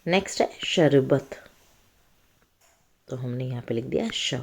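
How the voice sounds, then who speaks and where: A woman with a low, mellow voice walks young children through a reading worksheet. She speaks slowly and patiently, naming each word and checking in with the children often. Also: expressive, slight background noise. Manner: slow, patient explaining with frequent check-ins. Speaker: teacher.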